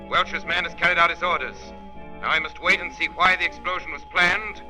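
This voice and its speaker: The Shadow, sinister unseen avenger. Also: male voice, on the high side, fairly even intonation, fairly quick, pushed and bright, faint music behind. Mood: urgent calling. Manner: sinister, theatrical. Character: mysterious invisible avenger, taunting and commanding. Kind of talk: 1930s radio drama acting. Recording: old 1930s radio broadcast recording.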